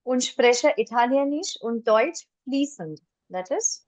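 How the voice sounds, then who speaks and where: A German teacher guides a small online class through German, switching easily between English and German and explaining patiently, step by step. Her slightly high voice sounds dry and close to the mic, animated, slow, and a little mellow, with no room sound.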